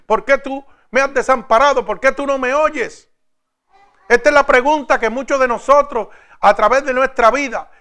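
A man preaching a sermon, first reading scripture slowly and then addressing his listeners directly. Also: extremely high pitch, fairly bright tone.

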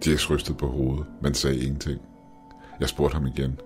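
Very deep-voiced man telling a horror story. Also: little pitch movement, darkish tone, soft background music. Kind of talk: scripted horror story narration.

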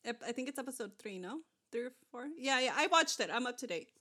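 A woman's voice: a little high, lively intonation, fast talker, bright, forceful tone. A young woman co-hosting a casual chat, rambling with lots of fillers and restarts.

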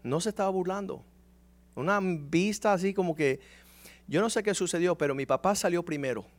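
A man in his forties preaches his testimony from the pulpit, telling it as a story. His voice sits fairly high, and he slips into other voices to act out each scene. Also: brisk. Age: 40s. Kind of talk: sermon testimony.

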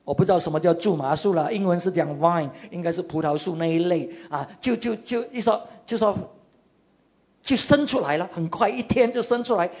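A preacher giving a sermon, retelling a scripture story with animated delivery and frequent "ah" fillers. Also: medium pitch, slightly rough, muffled recording.

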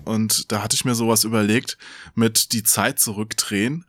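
A man's voice: lowish voice, fairly even intonation, normal speed, over music. A man in his forties from Germany, hosting a podcast in a casual, joking, teasing way. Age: 40s. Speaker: podcast host. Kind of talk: casual chat.

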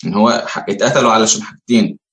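A man with an Egyptian Arabic accent preaching a conversational sermon, asking rhetorical questions and pausing on fillers. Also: fairly low pitch, a bit bright. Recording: echoey room.

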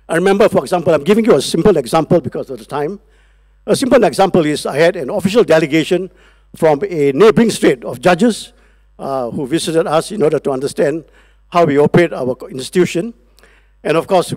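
A man addresses a panel, halting and restarting his phrases. His voice sits fairly high for a man. The sound is dry and close, with no room echo. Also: a little mellow. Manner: hesitant, frequent fillers and restarts. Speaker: panel speaker. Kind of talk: formal talk to an audience.

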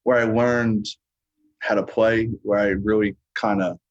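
Deep-voiced middle-aged New Yorker, Brooklyn-style accent. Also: male voice, level tone, unhurried, dry recording, lo-fi sound. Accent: New York. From New York, Brooklyn family, raised on Long Island. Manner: profane, streetwise, peppered with "you know" and "man". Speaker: guest, metal musician. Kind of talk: casual interview chat.

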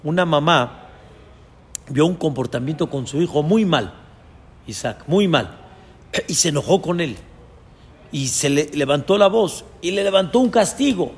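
A man preaches a scripture lesson in a fairly high voice. He teaches in an earnest tone and drops Hebrew terms into his explanations. His voice carries a long, ringing reverb. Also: expressive, unhurried, pauses often, breathy edge. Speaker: rabbi.

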